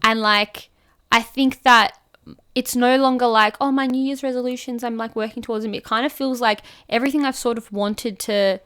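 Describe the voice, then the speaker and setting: A woman's voice: a little high, steady tone, moderate pace, fairly bright tone, clean tone. A woman of thirty co-hosting a podcast in casual chat, giggly and rambling with frequent restarts. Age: 30s. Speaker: podcast co-host.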